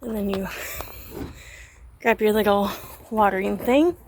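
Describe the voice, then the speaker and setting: A woman breathing heavily as she gives a casual, unhurried gardening demonstration outdoors, talking while she works. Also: mid-range voice, slight background noise, rough recording. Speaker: gardener filming a how-to vlog.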